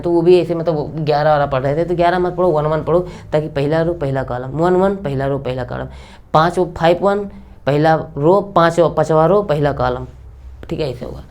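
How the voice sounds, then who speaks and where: A man's voice: fairly high pitch, a little mellow. A young man teaching a math lesson at a board in a chatty, repetitive way, often checking in with his students and cracking jokes. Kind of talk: casual blackboard math lecture.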